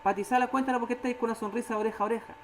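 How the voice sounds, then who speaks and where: A woman with a Chilean Spanish accent leading a church Bible study, animated, acting out quoted voices and often checking in with her listeners. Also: fairly high pitch, very fast, a little hiss or hum, poor audio.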